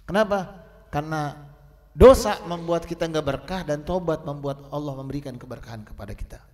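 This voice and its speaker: A man preaching a Friday sermon in rhythmic, rhyming lines that swing from loud to soft. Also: fairly high pitch, brisk. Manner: rhythmic rhyming oratory with sharp swings in loudness. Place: mosque hall. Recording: echoey mosque hall sound.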